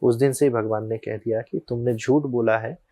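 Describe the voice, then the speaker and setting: A man, a spiritual teacher, calmly explaining devotional practice in an interview and telling short religious parables. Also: mid-range voice. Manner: calm, unhurried, tells short religious parables.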